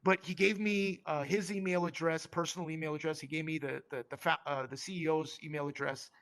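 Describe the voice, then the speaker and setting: Gravelly man telling a story casually. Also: fairly high pitch, fairly quick. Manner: animated, acts out quoted voices, lots of fillers. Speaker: company co-founder and CEO, interview guest.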